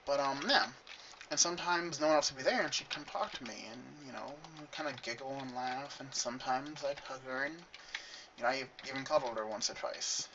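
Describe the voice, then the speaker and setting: A man's voice: medium pitch, fairly quick. A young man with a lisp, vlogging in a rambling, earnest way with self-mocking asides, from a room at his gaming computer. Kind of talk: casual confessional monologue. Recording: dull, distant mic with faint hiss.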